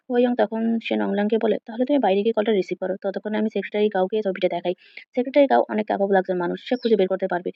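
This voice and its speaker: Fast, gravelly woman narrating a story recap. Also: mid-range voice, no room sound, muffled recording. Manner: reads all characters' lines in her own voice with little change. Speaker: narrator recapping a drama episode.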